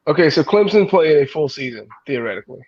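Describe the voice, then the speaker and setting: A man's voice: fairly high pitch, very animated, fast, darkish tone, husky, no room sound, lo-fi sound. A man calling in over a bad connection, asking puzzled questions in casual sports chat. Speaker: call-in guest.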